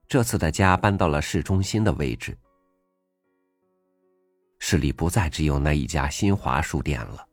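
An audiobook host with an extremely deep, low voice reads a first-person essay in a gentle, reflective style. The scripted narration is close, dry, and echo-free on a studio mic, with soft music faintly behind it.

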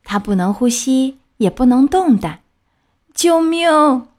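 A woman gently reading a children's story aloud in an expressive way. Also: on the high side, moderate pace.

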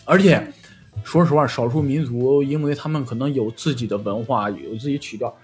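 A man's voice: medium pitch, fairly quick, darkish tone, slightly rough, faint music behind. A man chatting in a colloquial, joking way as a podcast host. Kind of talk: casual chat.

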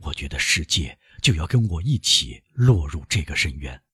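A man's voice: very deep voice, very animated, normal speed, a bit bright, slightly rough, no echo, clean studio sound, full character voice. A man voicing an anguished, guilt-ridden middle-aged male prosecutor in an audiobook, with frantic, self-accusing outbursts. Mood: brooding resolve. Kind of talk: audiobook character voice.

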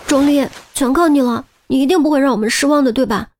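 A woman voicing a feisty, bossy young female detective in an audiobook, quick and emphatic. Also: high voice, a little mellow, voice pushed up, lightly acted. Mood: pleading.

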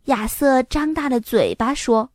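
A woman reads a children's story aloud with clear, expressive narration. Her voice sits fairly high, and the recording is close and completely dry. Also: measured pace, dry recording.

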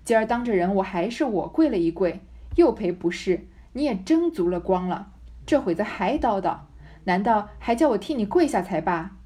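A woman's voice: mid-range voice, expressive, moderate pace, warm tone, lightly acted. A woman voicing an exasperated young nobleman who scolds his wife wearily in a storybook reading. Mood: reproachful. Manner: reproachful, weary.

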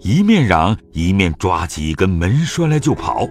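Lively low-voiced male narrator. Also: moderate pace, faint music behind. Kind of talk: audio drama narration.

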